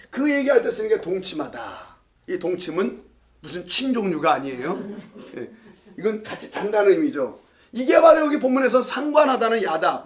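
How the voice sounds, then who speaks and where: A male pastor teaching a Bible study class, playful, quizzing his listeners and laughing often. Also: high-pitched. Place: church classroom.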